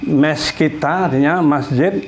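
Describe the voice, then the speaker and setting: A man teaching a beginner Spanish lesson in a casual, patient way, repeating his examples slowly and clearly. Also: fairly high pitch, soft background music.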